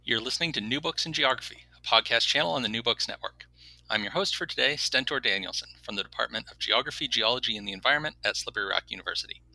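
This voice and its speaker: Gravelly, sharp-toned man host. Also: mid-range voice, fast, low-quality recording. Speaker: podcast host. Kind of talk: scripted intro and interview questions.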